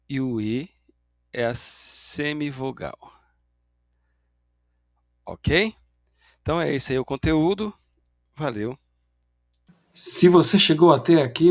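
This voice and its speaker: A Brazilian man teaching a grammar lesson, explaining patiently, checking in with "né?" after each point and drawing out example words slowly to show their sounds. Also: mid-range voice, no echo. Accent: Brazilian Portuguese.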